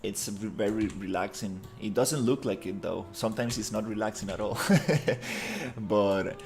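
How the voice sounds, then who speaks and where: Soft music plays behind a Costa Rican man who streams live while modeling in 3D, talking in a relaxed, rambling way packed with fillers and muttered asides. His pitch is fairly low and his pace measured.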